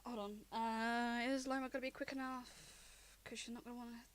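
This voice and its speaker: High-voiced woman running a tabletop game. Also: flat delivery, over a noisy crowd. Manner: quick, descriptive narration with restarts. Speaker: game master.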